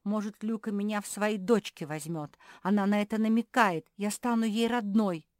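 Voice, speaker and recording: A woman voicing a proud, touchy young female labrador in a storybook, speaking loudly in a high voice. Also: normal speed, dry recording, studio quality, lightly acted. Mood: indignant. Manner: indignant, loud and high.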